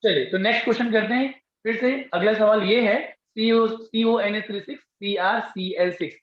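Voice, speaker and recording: A man's voice: sits high, fairly even intonation, normal speed. Guy teaching chem to a class, keeps asking questions, dull echoey room sound. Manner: coaxing, repeats questions to students. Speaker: chemistry teacher. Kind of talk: classroom lecture.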